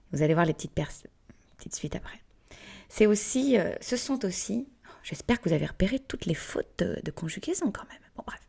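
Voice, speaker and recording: A woman's voice: lowish voice, vocal fry, warm tone. A woman with a Southern French accent, teaching in a casual, chatty way with playful asides and frequent fillers, sometimes dropping to a whisper. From France. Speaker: yoga teacher and podcast host.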